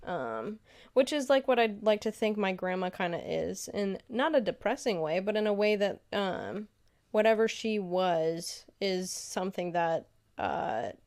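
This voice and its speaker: Woman cohost musing casually on a podcast, pausing a lot, saying um. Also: medium pitch, expressive, darkish tone. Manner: reflective, musing, many pauses and "um"s. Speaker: podcast co-host. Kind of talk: casual chat.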